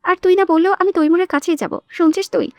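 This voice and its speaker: Woman voicing a spirited, sharp-tongued young woman. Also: extremely high pitch, fast, no echo, studio quality. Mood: defiant. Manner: lively and defiant.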